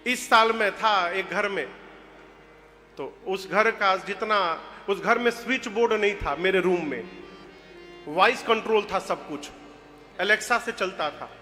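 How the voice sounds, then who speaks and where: A man, telling devotional stories with jokes, animated and bursting into loud chants. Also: sits high, measured pace, faint music behind. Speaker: religious storyteller. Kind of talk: humorous devotional storytelling.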